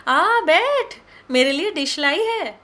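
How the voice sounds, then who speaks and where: A woman voicing a bossy, scolding middle-aged mistress of a house, sharp and haggling. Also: very high voice, expressive, slow, voice pushed up, heavily acted. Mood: pleased.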